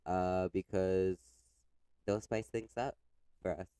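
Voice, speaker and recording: A young podcast co-host chats casually in a low, steady, warm voice that is clear and resonant, at a slow pace with no room sound. Congested and coughing, he talks loosely, full of "like" and other fillers. He retells stories, acting out quoted voices.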